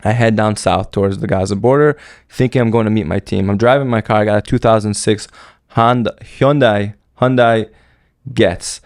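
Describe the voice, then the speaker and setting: Gravelly low-voiced man telling a war story. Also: steady tone, brisk, dry recording, studio quality. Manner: slangy, rambling, full of "like" and "bro". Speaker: podcast guest recounting military service. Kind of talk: casual storytelling.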